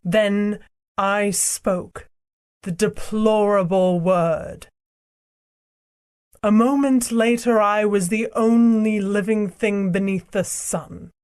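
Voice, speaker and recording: A woman's voice: medium pitch, fairly even intonation, darkish tone, smooth, natural voice. Queen Jadis, a woman voicing an icy sorceress queen. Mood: haughty. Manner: slow, imperious, theatrical delivery. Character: proud cruel ancient queen sorceress, cold and haughty. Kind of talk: audiobook character reading.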